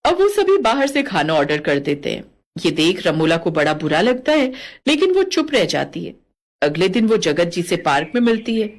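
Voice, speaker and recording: A woman's voice: fairly low pitch, very animated, normal speed. A woman narrating a family cartoon story in a plain storytelling manner.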